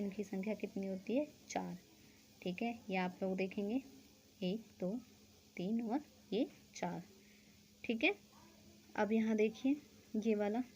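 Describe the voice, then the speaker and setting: A woman's voice: medium pitch, a little mellow, a little hiss or hum. A woman teaching a school grammar lesson, explaining step by step, asking questions and answering them herself, checking in often with the class.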